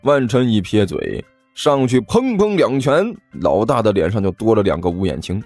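Lively male audiobook storyteller. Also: lowish voice, normal speed, breathy edge, dry recording. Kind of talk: audiobook narration. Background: faint music.

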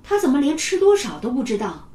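A woman voicing a calm school doctor who asks puzzled questions in a children's story. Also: high-pitched, fairly quick, recorded from a distance. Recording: roomy, from off the mic.

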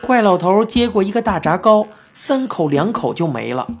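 Lively children's story narrator over soft music. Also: mid-range voice, moderate pace. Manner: lively, expressive storytelling in a child's first-person voice. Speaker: audiobook narrator. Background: faint background music.

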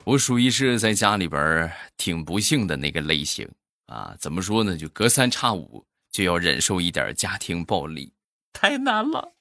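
A man tells comic home anecdotes in a casual, self-deprecating way, poking fun at himself. His voice is low but bright, and his pitch swings a lot as he tells it. The sound is dry and close to the mic. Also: big pitch swings, moderate pace, no echo, soft background music. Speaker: comic storyteller.

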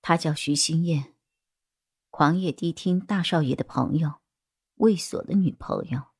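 A frightened young woman, voiced by a narrator answers in a quiet, guarded voice. She sounds scared and withdrawn, a witness holding back in a spoken crime story. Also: deep voice, measured pace, breathy edge, dry recording, clean studio sound, full character voice. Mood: fearful.

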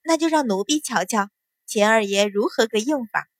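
A woman voicing a sly young maidservant who mocks a captive in soft, teasing taunts. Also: on the high side, lively intonation, normal speed, dry recording, studio quality.

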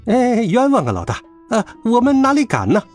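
A man voicing a skinny henchman in a high, whining voice. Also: wildly swooping pitch, normal speed, soft background music, full character voice. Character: skinny whiny male henchman.

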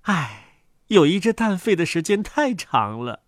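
A tired mother duck grumbles on her nest in a low, sagging voice, as a woman puts her on. She sounds worn out and complaining, close and dry like a storybook reading. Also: big pitch swings, measured pace, no room sound. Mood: weary, grumbling.

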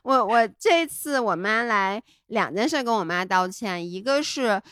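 A woman's voice: medium pitch, expressive, unhurried, a bit bright, dry recording, clean studio sound. A woman co-hosting a podcast, telling a personal story in a candid, rambling, heartfelt way. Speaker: podcast co-host.

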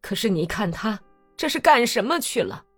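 A woman plays a pious old peasant woman, slow and drawn-out, her pitch rising and falling with indignation. Soft music sits under the storybook reading. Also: sing-song. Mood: indignant.

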